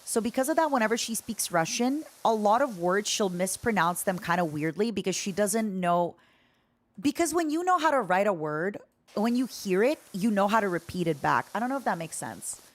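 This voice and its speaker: Chatting with viewers as she plays, this woman streamer is rambling, playful, and casual. She speaks at a moderate pace in a mid-range voice with lively intonation.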